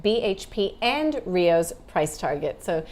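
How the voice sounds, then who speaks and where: A woman co-hosting a live market wrap, chatty and conversational with quick asides. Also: on the low side, big pitch swings, a little mellow. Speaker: co-host of a markets show.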